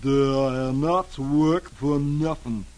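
A man doing a dim, slow-talking cartoon bear. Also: medium pitch, fairly even intonation, darkish tone, close to an everyday voice. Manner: slow and halting, with dull fillers.

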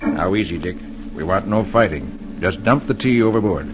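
A man voicing a calm colonial rebel leader with a dry sense of humor. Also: a little high, normal speed, noisy background. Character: calm adult male patriot leader, wry.

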